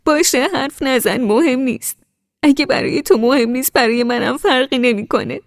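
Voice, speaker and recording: A woman's voice: high voice, pitched above the performer's own voice, natural voice. A woman voicing a tearful, pleading young wife. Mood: crying. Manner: raised, tearful and insistent.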